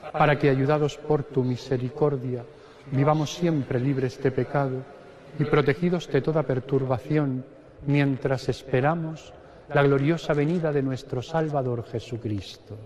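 A middle-aged man from Spain, a priest slowly and solemnly reciting the prayers of the Mass at the altar. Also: medium pitch, steady tone, a crowd in the background. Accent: Spanish (Spain). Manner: slow solemn liturgical recitation, parts chanted. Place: large stone cathedral. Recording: long cathedral reverb.

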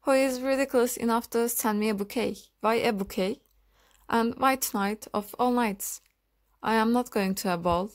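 A woman's voice: fairly high pitch, normal speed, close to an everyday voice. A woman voicing a proud young countess in an audiobook, reading her lines sharply and imperiously.

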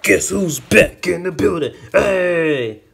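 A man playing a bumbling, pushy but cowardly robber, gruff and tripping over his words, with music behind. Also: high-pitched, slow, fairly bright tone, full character voice. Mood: blustering.

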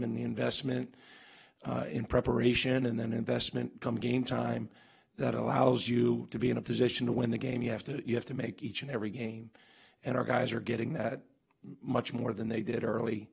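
This man's medium-pitched voice is gravelly and husky with a slightly mellow quality. A basketball coach in his forties, he responds to the press after a game at a table mic, talking in earnest, emphatic bursts with many restarts and fillers.

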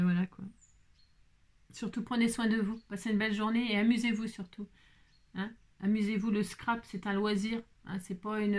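A woman from France hosting her crafting channel, chatting to viewers in a rambling, self-mocking way that drifts into humming and little bits of song. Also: mid-range voice. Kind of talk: casual chat to viewers.

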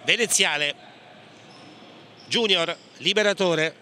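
High, bright male match commentator. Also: slow. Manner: clipped running play-by-play, naming players pass by pass, with hesitations. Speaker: sports commentator. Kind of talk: live futsal match commentary. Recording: gym ambience with clear background noise. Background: indoor sports hall sounds, bouncing ball.

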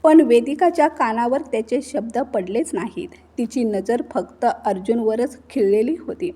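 Female storyteller, dramatic scripted narration, warm dark tone. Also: fairly high pitch, moderate pace, slightly rough.

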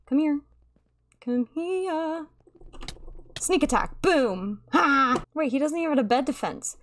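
A woman giving playful, excitable commentary over her gameplay, talking to her viewers. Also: high-pitched, moderate pace. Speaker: gamer.

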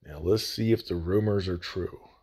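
A deep, slightly rough man's voice with a darkish tone, speaking at normal speed. He's the host of a scale model building channel, explaining a hobby project in folksy, plain, casual terms over a phone mic that sounds a little echoey.

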